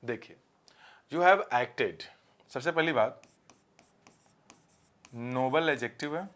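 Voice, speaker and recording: A man's voice: mid-range voice, a bit bright. Hindi-speaking male grammar teacher. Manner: explains in Hindi mixed with English, reads examples slowly. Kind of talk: exam-prep grammar lesson.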